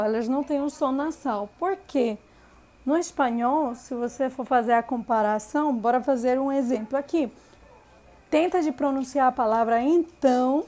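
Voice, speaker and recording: High-voiced woman teaching Spanish vowels. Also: a little mellow. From Venezuela. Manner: repeats example words slowly for learners. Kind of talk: language lesson.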